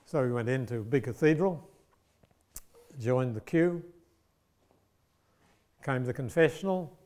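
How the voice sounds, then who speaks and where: A man preaching, telling a story with a dramatic delivery that drops to hushed tones. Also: mid-range voice, animated, measured pace. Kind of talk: sermon storytelling.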